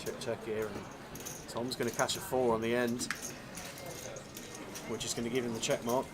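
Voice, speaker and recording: Male poker commentator over a loud crowd. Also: mid-range voice, flat delivery, moderate pace. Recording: loud crowd noise behind. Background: loud busy poker room.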